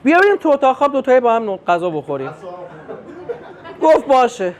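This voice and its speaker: High-voiced man doing lively stand-up. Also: a faint crowd. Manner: animated storytelling, acting out family dialogue. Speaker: stand-up comedian. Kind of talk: stand-up comedy routine. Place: comedy club stage with live audience.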